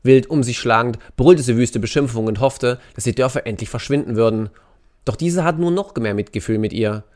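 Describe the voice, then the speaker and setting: A man reading a novel excerpt aloud in an intense, expressive storytelling manner. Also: medium pitch, brisk. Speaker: narrator. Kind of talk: dramatic audiobook reading.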